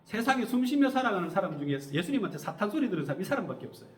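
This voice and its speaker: Speaking very fast in a high, sing-song voice, a middle-aged male pastor asks his congregation questions and answers them himself during a sermon. It was recorded in an echoey church sanctuary with slight background noise.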